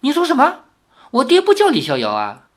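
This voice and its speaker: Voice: medium pitch, sing-song, moderate pace, fairly bright tone, pitched above the performer's own voice. A reader voicing a naive young man who answers earnestly and stammers when embarrassed. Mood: flustered.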